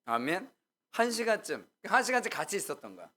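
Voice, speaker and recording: A man's voice: high-pitched, wildly swooping pitch, a little fast, bright, forceful tone. A male pastor giving a conversational sermon, telling stories casually, quizzing the congregation and acting out quotes. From Gyeongsang region. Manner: casual storytelling, asks the congregation questions and acts out quotes.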